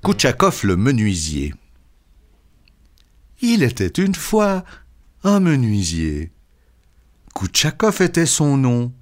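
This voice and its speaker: A man reading short absurdist stories aloud with expressive, lively storytelling. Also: mid-range voice, slow, long pauses, soft background music. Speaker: reader.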